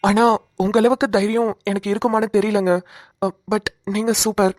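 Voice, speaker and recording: A woman voicing a timid, lovesick young man in a cartoon, talking softly and hesitantly. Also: medium pitch, little pitch movement, moderate pace, dry recording, studio quality, lightly acted. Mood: wistful. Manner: soft, hesitant, pleading. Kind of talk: cartoon voice acting.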